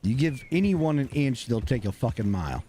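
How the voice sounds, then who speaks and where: A man, speaking gruffly and bluntly in character during a roleplay game stream, swearing often. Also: mid-range voice, very animated, normal speed, dark tone.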